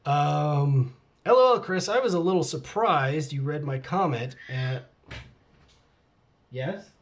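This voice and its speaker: Taking it slowly, a middle-aged man speaks in an animated voice on the high side. He's at home with his cat, hosting his channel by answering fan questions in a casual way, with frequent laughs and muttered asides.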